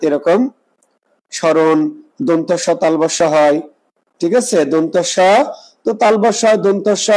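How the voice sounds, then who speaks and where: A man's voice: high voice, a little mellow, rough recording. A man teaching an exam preparation class, explaining step by step, repeating points and quizzing his students. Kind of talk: live online class lecture.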